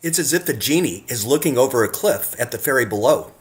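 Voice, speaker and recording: Here a man narrates his own photographs from a script, earnest and addressing the viewer head-on. The voice is mid-range with lively intonation and a fairly quick delivery.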